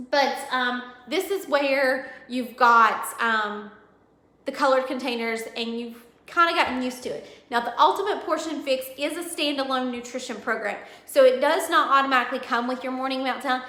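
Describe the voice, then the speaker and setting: A woman fitness coach chatting through a nutrition plan in a casual video, rambling with many ums and self-corrections, a bit hoarse. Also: high voice, normal speed, sharp tone. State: losing her voice. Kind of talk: casual product walkthrough video. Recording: echoey room.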